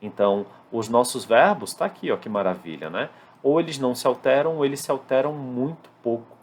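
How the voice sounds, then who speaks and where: A man's voice: medium pitch, expressive, a little hiss or hum. Brazilian man teaching at a whiteboard. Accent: Brazilian Portuguese. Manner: explanatory, slows down to spell out English examples. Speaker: English teacher. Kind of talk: classroom-style lesson at a whiteboard.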